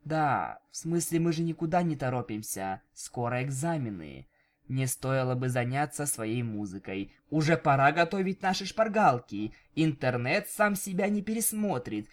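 A man voicing a brash, playful young female unicorn DJ in a fan-fiction audiobook, with quick, teasing, chattering speech. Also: medium pitch, expressive, close to an everyday voice. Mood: rambling.

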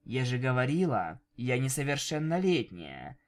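A man voicing a prim, earnest young female pony cellist in a fan-fiction audiobook, speaking in a measured, polite way. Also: medium pitch, sing-song, lightly acted. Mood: firm.

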